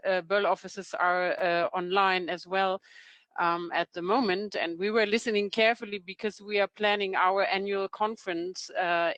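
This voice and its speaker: A woman's voice: mid-range voice, a bit bright, clear, resonant tone, no echo. A woman from Germany speaking as a guest at an online conference, giving remarks to the group. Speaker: foundation co-president, guest speaker.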